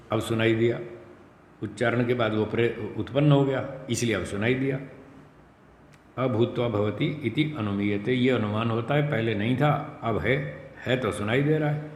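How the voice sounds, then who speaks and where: A man teaching a class on Indian philosophy, reciting Sanskrit verses slowly and then explaining each point in plain speech with patient repetition. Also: mid-range voice. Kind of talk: classroom lecture on scripture. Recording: echoey classroom with long reverb, faint noise.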